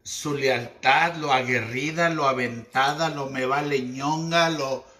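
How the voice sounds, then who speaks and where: A man's voice: mid-range voice, steady tone, slow pace, sharp tone, roomy sound. A man with a Mexican accent talking in a slangy, chatty, theatrical way, hosting a casual esoteric livestream.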